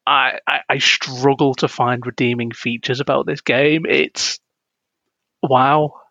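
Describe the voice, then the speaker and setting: A man's voice: medium pitch, fairly even intonation, unhurried, gravelly, pushed and bright, no room sound, lo-fi sound. A young man co-hosting a casual gaming podcast, ranting in a self-deprecating way. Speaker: podcast co-host.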